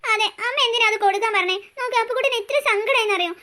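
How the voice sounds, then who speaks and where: This is a clever young girl from a cartoon story who stands up for her little brother, as a woman acts her out. She sounds indignant and sharp, with a very high, bright voice. She talks fast. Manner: indignant, plotting. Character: bold clever young girl, protective big sister. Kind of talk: cartoon voice acting.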